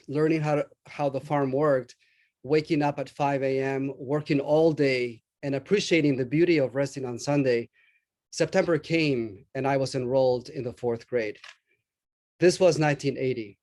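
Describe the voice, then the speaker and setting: A man's voice: on the high side, a little mellow. A man of about fifty who grew up in Mexico, giving a keynote speech as a reflective, earnest personal story. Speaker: keynote speaker.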